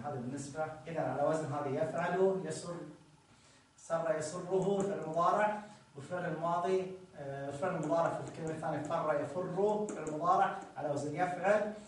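A man teaching a grammar lesson, explaining slowly and repeating each form while checking that students follow. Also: fairly high pitch, recorded from a distance, a little hiss or hum. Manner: slow, repetitive explaining with frequent checks. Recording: echoey room, voice from off-mic.

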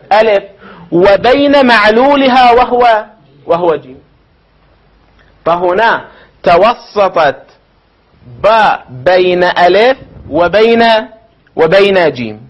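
A man with a high voice teaches a formal lesson, slow and methodical. He breaks each point into steps and asks his listeners questions along the way. The recording sounds muffled and lo-fi. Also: animated. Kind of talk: formal lecture on logic. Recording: dull lo-fi recording.

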